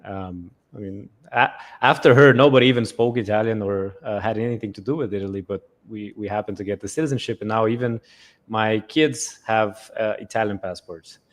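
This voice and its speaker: A man's voice: on the low side, fairly quick. A man interviewing a guest, putting in brief interjections and casual personal asides. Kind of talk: conversational interview.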